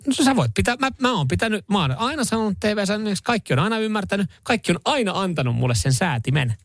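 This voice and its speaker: A man's voice: high-pitched, very animated, dry recording, clean studio sound. A man co-hosting a radio morning show, teasing and quizzing his co-host in casual banter. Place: radio studio. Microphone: studio microphone.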